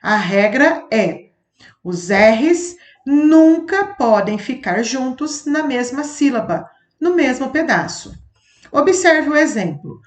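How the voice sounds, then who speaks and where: A woman's voice: high voice, big pitch swings, slow. A woman teaching a phonics lesson, stretching out each example word and spelling it out with careful enunciation. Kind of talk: slow classroom phonics lesson. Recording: echoey room.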